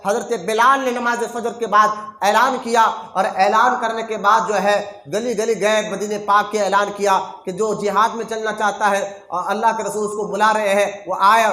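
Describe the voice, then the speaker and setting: Male preacher, very high voice, impassioned rhetorical sermon, echoey room. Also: little pitch movement, few pauses, sharp tone. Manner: impassioned, rhetorical, repeating phrases for emphasis. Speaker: spiritual guide preacher. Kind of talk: Urdu sermon.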